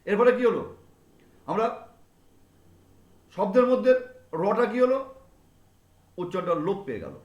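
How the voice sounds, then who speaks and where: A man's voice: high-pitched, very animated, moderate pace, long pauses, a little mellow, lo-fi sound. A male teacher giving a classroom grammar lesson, repeating example words over and over to drill them in. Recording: echoey room.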